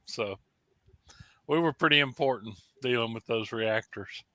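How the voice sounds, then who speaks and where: A man's voice: medium pitch, unhurried, bright, forceful tone, no room sound. Dry-witted man, close dry sound. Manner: dry, wisecracking. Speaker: co-host. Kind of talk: casual livestream banter.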